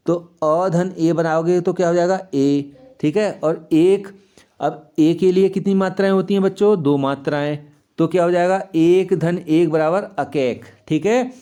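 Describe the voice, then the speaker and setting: A man's voice: fairly high pitch, warm tone, smooth. Patient man teaching children a lesson. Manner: patient, asks the class questions and answers them; repeats examples slowly, stretching key sounds. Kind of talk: Hindi grammar lesson for children.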